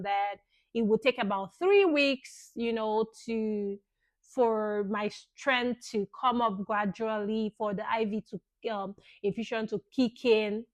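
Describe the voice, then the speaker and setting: A woman's voice: on the high side, steady tone, unhurried, no echo. A young woman vlogger earnestly recounting a personal experience in a casual, thankful way, often saying "you know".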